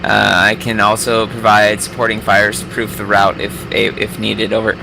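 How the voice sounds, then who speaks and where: A man's voice: on the low side, completely flat delivery, normal speed, vocal fry. A man giving formal, clipped military radio calls as a commander in an online simulation, over a crackly radio-style voice link. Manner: clipped, formal call-sign phrasing.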